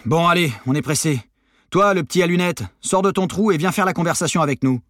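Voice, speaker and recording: A man reading an audiobook, voicing a grizzled, gruff male reporter who probes with questions. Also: a little high, brisk, a bit bright, no room sound, studio quality, pitched above the performer's own voice, close to an everyday voice. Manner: gruff, probing.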